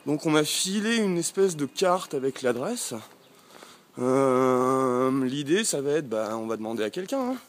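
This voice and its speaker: A French travel vlogger strolls down a village street, chatting casually into a handheld camera. His mid-range voice is sing-song and unhurried, and he rambles with frequent hesitations as he walks.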